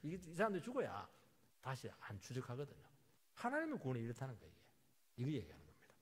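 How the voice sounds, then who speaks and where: Husky, dramatic preacher in a reverberant hall. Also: male voice, mid-range voice, huge pitch swings, fast. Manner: vivid, dramatic storytelling with sudden emphatic outbursts. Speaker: pastor. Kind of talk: sermon.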